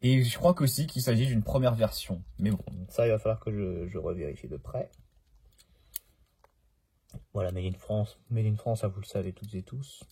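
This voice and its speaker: A man's voice: lowish voice, moderate pace, creaky, warm tone, husky. A man talking casually in a home vlog about his toy car collection, chatty and jokey, often interrupting himself.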